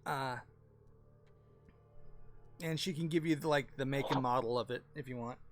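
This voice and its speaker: A man's voice: mid-range voice, fairly even intonation, moderate pace, over music, voice pushed down, close to an everyday voice. A man voicing a nosy elderly woman neighbor in a tabletop game, hesitant and stammering with many fillers. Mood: chatty. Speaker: game master. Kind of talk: tabletop role-play, improvised character voice.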